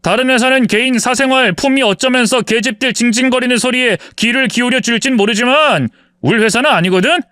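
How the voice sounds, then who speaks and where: A man's voice: very high voice, a little fast, few pauses, pushed and bright, no echo, clean studio sound. A man voicing an arrogant husband in his forties who mocks his wife and justifies his cheating. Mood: scornful. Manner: contemptuous, mocking, self-justifying. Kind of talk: dramatized story reading.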